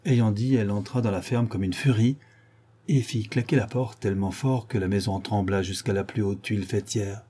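A man narrating a crime story as an audiobook, in a measured, low-key reading. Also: fairly even intonation, dark tone, slightly rough.

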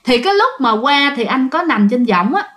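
A woman's voice: high-pitched, sing-song, moderate pace, a bit bright. A woman narrating a ghost story in a chatty way, often addressing her listeners directly.

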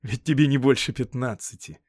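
A man reading an audiobook, voicing a brooding, dismissive young Roman man in a low, quiet voice. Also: fairly quick, husky, dry recording, studio quality, lightly acted. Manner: low, quiet, curt delivery.

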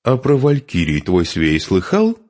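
A man voicing a mocking, quarrelsome young Norse warrior woman in an audiobook, with a husky, sharp-tongued voice. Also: deep voice, wildly swooping pitch, a little slow, pitched above the performer's own voice, exaggerated voice. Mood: scornful.

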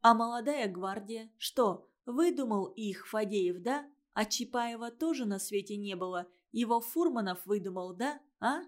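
A woman's voice: a little high, animated, unhurried, hardly any pauses. A woman reading a story and voicing a proud, spirited schoolgirl in an eager, insistent way.

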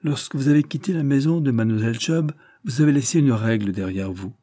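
A man reading an audiobook plays a composed blind gentleman detective, soft-spoken and dryly ironic. He is lifted a little above the reader's own voice, with a dark, husky tone and a dry, close sound. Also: mid-range voice, fast talker, no echo, voice pushed up, close to an everyday voice. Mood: calm. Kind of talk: audiobook character voice.

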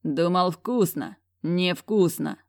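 A woman's voice: on the low side, slow pace, darkish tone. A woman voicing a rude, hulking grown man who growls and sneers in an audiobook. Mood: mocking.

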